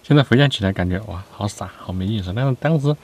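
A man's voice: lowish voice, expressive, quick pace, a little mellow, slight background noise. A man in his thirties chatting casually to camera between bites while eating inside a car. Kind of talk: casual mukbang chat.

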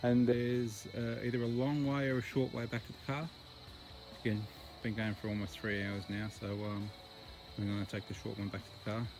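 Puffing between phrases, this thirty-something Australian hiker vlogs casually to a camera close at arm's length as he walks a bush trail after dark. His voice is on the low side, level in tone, at a moderate pace.

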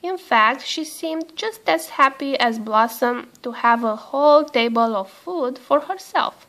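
Expressive and measured, a storybook reader reads a children's story aloud at a slow pace. She is a woman with a high-pitched voice.

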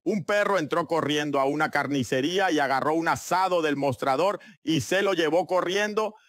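A man narrating a string of animated jokes in a lively storytelling manner. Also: on the high side, normal speed, over loud music. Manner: lively storyteller who switches into voices for characters. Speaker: joke narrator. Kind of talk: animated joke telling.

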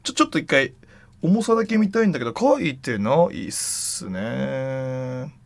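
A man streaming live, chatting casually in rough slang with loud exclamations while he handles and examines an object. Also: mid-range voice, lively intonation, moderate pace.

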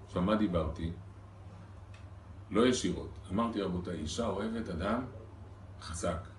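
A man's voice: low voice, slight background noise. Guy rabbi teaching a class, keeps asking the crowd stuff, roomy echo, mic far off. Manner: lively teaching, rhetorical questions to the audience. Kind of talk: Torah lesson to a congregation. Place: synagogue hall. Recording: echoey hall recorded from a distance.

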